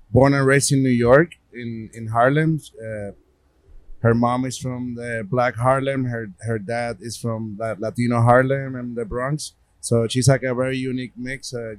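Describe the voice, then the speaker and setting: A gallerist from Puerto Rico, a native Spanish speaker with a Puerto Rican accent, tells stories casually as an interview guest, often repeating words while hunting for the right phrasing. His voice is medium in pitch and the recording is dry.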